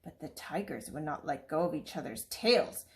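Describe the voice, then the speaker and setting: A woman reading a children's storybook aloud with expressive, lively storytelling. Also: low-pitched, normal speed.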